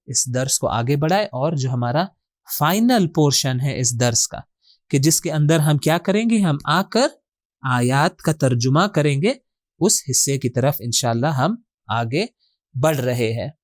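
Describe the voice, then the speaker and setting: A man's voice: on the high side, lively intonation, no echo, studio quality. A man teaching a word-by-word Quran grammar lesson, posing questions to his students and answering them himself, with English terms mixed into his explanations.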